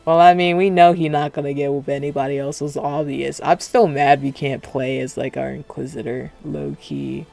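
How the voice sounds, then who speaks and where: A man's voice: on the high side, little pitch movement, moderate pace, creaky, few pauses, darkish tone, soft background music. A man streaming casual reaction commentary, rambling and profane, talking with dental retainers in late at night. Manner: rambling, profane, self-interrupting.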